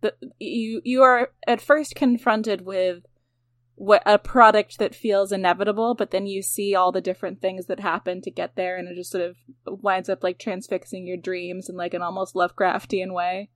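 A woman's voice: medium pitch, flat delivery, normal speed, no room sound, studio quality. A woman hosting a podcast in casual chat, talking in a chatty, self-deprecating way with many fillers. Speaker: podcast host.

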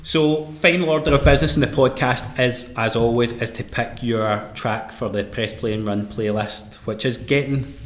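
A Scottish man hosting a live podcast interview, bantering with quick quips. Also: medium pitch, fairly even intonation. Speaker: podcast host. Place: room at a live event. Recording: echoey room, faint noise.

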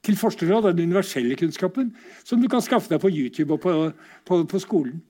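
A man's voice: high voice, animated, dark tone. A middle-aged Norwegian man giving a casual, conversational lecture over slides, often asking rhetorical questions.

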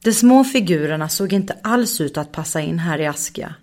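A woman narrating a children's story in a calm, measured way. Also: on the low side.

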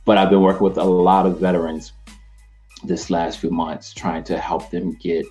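Casting: lively, chatty middle-aged male host, low voice, music faint underneath. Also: normal speed. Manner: energetic, chatty, laughs easily. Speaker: host, mortgage professional. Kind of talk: casual talk to camera.

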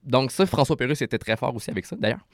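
A man with a Québécois French accent, a rapper guest explaining rhyme in a casual interview, animated and full of restarts. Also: mid-range voice, fast talker, dry recording, studio quality.

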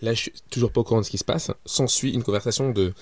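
A man, a comedian guest, telling an anecdote in casual chat, animated with lots of restarts. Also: on the low side, racing.

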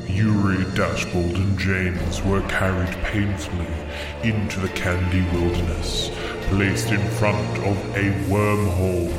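Solemn male previously-on recap narrator, played by a podcast host, portentous, flat and echoey, for a fantasy tale. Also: low voice, distant mic, voice pushed down. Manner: grave, portentous, drawn-out delivery. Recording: roomy echo under loud music. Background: loud music.

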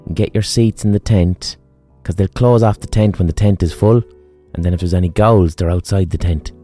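A man's voice: low voice, mellow. An Irish man podcasting solo in a casual, sweary, informal way, repeating phrases for emphasis. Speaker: podcast host. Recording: music behind the voice. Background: instrumental music.

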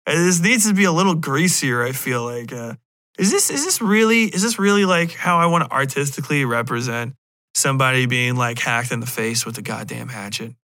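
In clean, dry studio audio, a podcast host with a medium-pitched voice talks a little fast, casually rambling through review talk. He swears bluntly and irreverently and adds animated joking asides, voicing imagined remarks.

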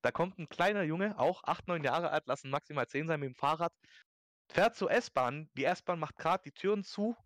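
A man's voice: a little high, expressive, normal speed, a bit bright, no room sound. Young man, podcast host, casual slangy storytelling, acts out quotes, dry close sound. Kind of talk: casual chat.

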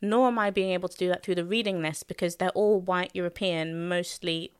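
A woman's voice: on the low side, steady tone, fairly quick, smooth, dry recording, clean studio sound. A young woman, talking openly and thoughtfully about her time as a student, with plenty of fillers. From London, England. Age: young adult. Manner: thoughtful and candid, many fillers, laughs easily. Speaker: guest recalling her student years. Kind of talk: casual conversation.

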